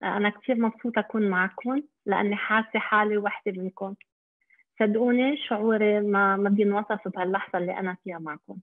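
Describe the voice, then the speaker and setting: Racing along in a steady, mid-range voice, a daycare centre director testifies on a webinar. She is a middle-aged Lebanese woman with an Arabic accent, and her account is hesitant and full of fillers. The recording is dry, with tinny, phone-like video call sound.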